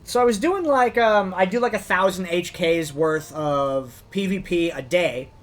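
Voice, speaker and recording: Speaking at a measured pace, a man tells long, meandering stories as he plays, leaning heavily on "like" as filler. It's casual commentary on his own playthrough, and he describes his voice as higher than a deep bass beat.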